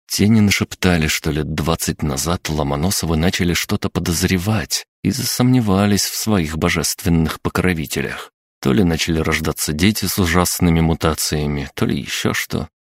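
A man's voice: low voice, no room sound. A man narrating a first-person fantasy audiobook in a dry, sardonic manner.

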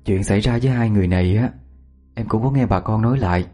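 A man voicing a gentle, soft-spoken young village woman. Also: fairly low pitch, fast talker, faint music behind, lightly acted.

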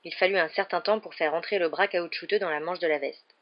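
A woman reads an audiobook chapter aloud in a steady, expressive storytelling manner. Her voice sits somewhat low, and the recording sounds dull and lo-fi. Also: quick pace. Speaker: audiobook narrator. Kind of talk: scripted audiobook narration.

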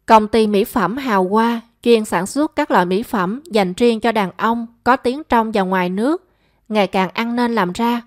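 A woman narrating an audiobook story in a steady, even storytelling voice. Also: on the high side, a little slow, no echo, studio quality.

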